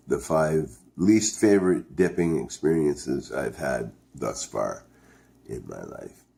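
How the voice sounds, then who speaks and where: With an extremely low, slightly mellow voice, a man from Canada hosts a video reviewing dipping tobacco. He chats to viewers in a casual, rambling way, hesitant and working out his thoughts aloud.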